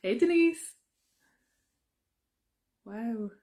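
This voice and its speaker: A woman's voice: a little high, expressive, very slow, a little mellow. Bubbly young woman on a live stream. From Ireland. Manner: bubbly and chatty, lots of ums and restarts. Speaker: singer hosting a fan Q&A. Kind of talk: casual live-stream chat. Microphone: phone or webcam on a live stream.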